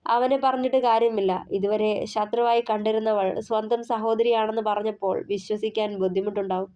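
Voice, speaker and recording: A woman voicing a calm man who slowly consoles a crying young woman in an audio story. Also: medium pitch, dull audio, lightly acted. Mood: soothing. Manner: slow, soothing.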